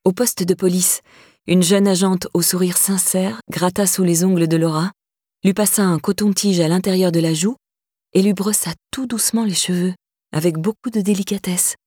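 A woman narrating an audiobook chapter in a calm, measured reading. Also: fairly low pitch, no echo, clean studio sound. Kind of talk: scripted narration.

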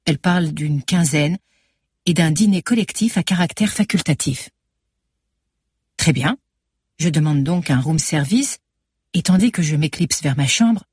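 A woman's voice: sits low, darkish tone, slightly rough, dry recording, clean studio sound. A woman narrating a first-person novel with a wry, sardonic tone. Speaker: audiobook narrator.

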